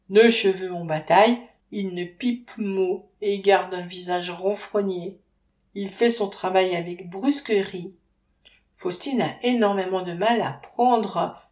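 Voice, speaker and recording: A woman narrates an audiobook at an even, middle pitch. Her reading is lively, with a wry edge. The voice sits in a roomy, echoing space. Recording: roomy echo.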